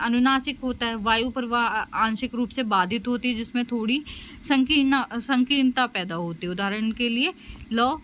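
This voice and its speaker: A woman's voice: fairly high pitch, fairly bright tone, a little hiss or hum, rough recording. A woman teaching a special education lecture and explaining slides, with lots of fillers and "okay?" checks. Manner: explanatory, frequent fillers and "theek hai" checks. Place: home.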